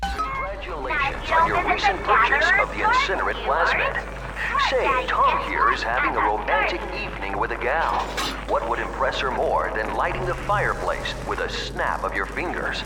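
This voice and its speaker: Swooping, echoey retro ad announcer. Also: male voice, on the high side, huge pitch swings, moderate pace. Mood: slick, showy. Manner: showy, salesmanlike. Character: slick, upbeat male advertising announcer. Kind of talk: retro promotional film narration in a game. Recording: distant, echoey playback under loud music.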